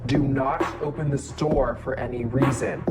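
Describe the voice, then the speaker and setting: Woman putting on a very deep, solemn old woman. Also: fairly even intonation, normal speed. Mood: grave warning. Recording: loud music behind the voice.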